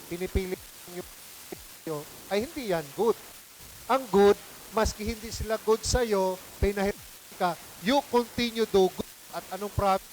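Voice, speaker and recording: A man with a Filipino accent, a priest giving a homily in a conversational style, mixing languages and asking the congregation questions. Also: high-pitched. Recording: hissy noisy recording.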